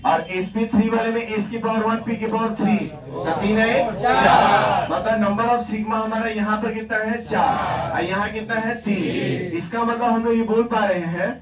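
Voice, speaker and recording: A man with a high, steady voice teaches a chemistry class in Hindi at a moderate pace, posing questions to students and answering them himself while repeating key words for emphasis. A loud crowd is audible, and the lecture was recorded on a distant mic in an echoey classroom with background noise.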